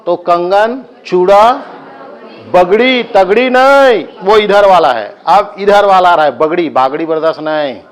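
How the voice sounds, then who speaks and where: A man's voice: high-pitched, lively intonation, normal speed, hardly any pauses. A male coaching teacher with a Chhattisgarhi accent, giving a live class lecture, drilling students with chanted repetition and joking asides.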